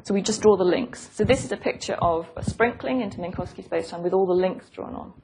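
A woman's voice: medium pitch, fast talker. A woman giving an academic lecture, explaining in a thoughtful, professorial way, hesitating and repeating phrases as she goes. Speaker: physics lecturer. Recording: noisy lecture recording with clicks.

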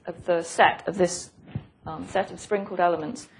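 With vocal fry in a voice on the low side, a female physics lecturer speaks at normal speed with fairly even intonation. Her professorial explanation is thoughtful, full of hesitations and repeated phrases, captured in a noisy recording with clicks.

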